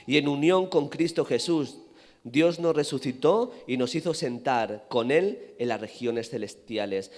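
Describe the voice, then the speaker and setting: A man with a Spanish accent from Spain preaching a sermon, building to loud emphatic peaks and questioning the congregation. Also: medium pitch. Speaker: pastor. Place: church hall. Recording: reverberant hall.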